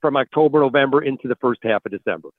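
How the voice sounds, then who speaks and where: A man analysing farm markets as a guest on a call-in radio interview, heard over a buzzy, glitchy phone connection that breaks up, talking in halting bursts with repeated words. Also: mid-range voice, no room sound. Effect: buzzy, glitchy phone call audio that breaks up. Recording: dry, tinny phone line.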